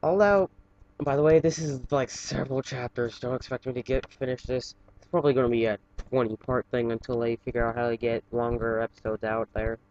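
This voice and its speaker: In a dull, lo-fi home recording, an amateur fan fiction reader for an online channel reads a story informally and occasionally trips over words. He speaks fairly quickly in a steady, medium-pitched voice that is a little mellow.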